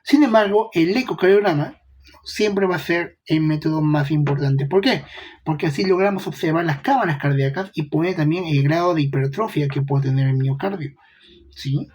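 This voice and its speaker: A man's voice: a little high, normal speed, a little mellow, breathy edge. A young man giving a casual medical lecture, chatty, with rhetorical questions and slangy asides.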